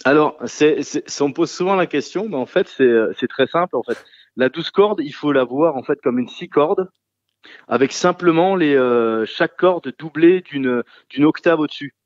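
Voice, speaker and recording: This French-speaking rock trio singer and guitarist, being interviewed on radio, answers in a relaxed, halting way full of fillers and restarts. His voice is a little high with lively intonation at a normal speed. The recording has no room sound and sounds muffled.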